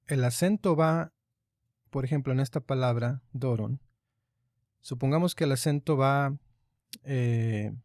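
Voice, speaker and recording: A man teaching an online lesson, explaining grammar rules patiently and step by step, pausing often with fillers. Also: medium pitch, a little mellow, no echo, clean studio sound. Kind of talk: online lesson on Greek accents.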